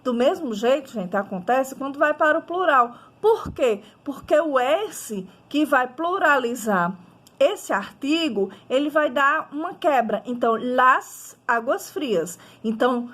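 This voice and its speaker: Brazilian woman as a language teacher, high voice, slow and methodical, keeps checking in with her class. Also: fairly bright tone. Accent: Brazilian Portuguese. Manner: methodical, asks and answers own questions; checks in with listeners often. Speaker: Spanish teacher. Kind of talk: recorded grammar lesson.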